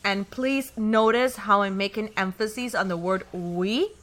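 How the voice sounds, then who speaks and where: A woman hosting a podcast and chatting casually among friends, lively and emphatic. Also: mid-range voice, normal speed. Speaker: podcast host.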